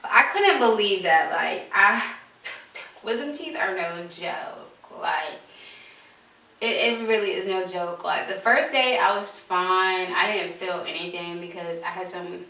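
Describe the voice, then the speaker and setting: A woman's voice: lowish voice, unhurried, sharp tone. A woman vlogger telling a story casually to camera, informal and emphatic, repeating herself for emphasis, in a roomy, distant recording. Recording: roomy echo, distant microphone.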